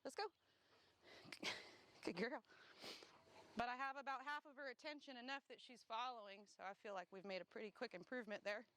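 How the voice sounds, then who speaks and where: A woman dog trainer talking casually as she walks outdoors, explaining each step and breaking off to give quick praise and corrections. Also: fairly high pitch, fairly even intonation, bright, forceful tone, a little hiss or hum. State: slightly winded from walking. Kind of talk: casual instructional talk while walking a dog. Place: outdoors on grass.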